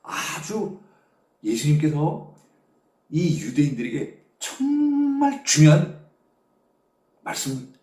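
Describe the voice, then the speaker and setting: A man's voice, pitched a little high and very lively in its rise and fall, leads a Bible study in plain, conversational speech. He breaks into short acted quotes as he unpacks each verse. The recording carries a noticeable echo from the room. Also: slow, pauses often. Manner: explains verses in casual speech, acting out quotes. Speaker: preacher.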